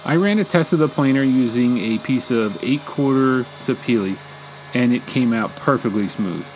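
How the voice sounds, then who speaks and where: A man, a woodworking channel host, giving calm, measured step-by-step voice-over instructions. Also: mid-range voice, a little hiss or hum. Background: faint guitar music.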